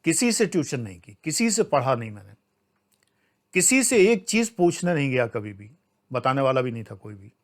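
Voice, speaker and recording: An older man from India teaching an online exam-prep class, lecturing emphatically and scolding, with loud outbursts and low asides. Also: very animated, normal speed. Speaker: civil services exam teacher.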